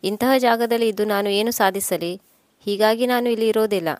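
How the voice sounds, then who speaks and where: A woman's voice: mid-range voice, moderate pace, darkish tone, no echo, close to an everyday voice. A woman voicing a stubborn, ambitious young man set on leaving his village, arguing insistently and impatiently.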